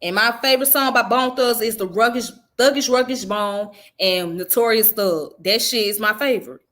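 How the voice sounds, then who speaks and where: Her voice sits slightly high, with a fairly bright tone and a moderate pace. She's a woman from the American South hosting her own channel, where her casual vlog commentary is conversational, blunt, and profane.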